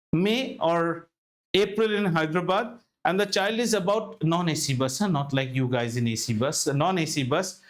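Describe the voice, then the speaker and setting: A male schoolteacher with an Indian accent and a high-pitched voice. He explains in an animated, interactive way, repeating key phrases for emphasis and putting rhetorical questions to his students. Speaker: school physics teacher. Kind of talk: interactive classroom lesson.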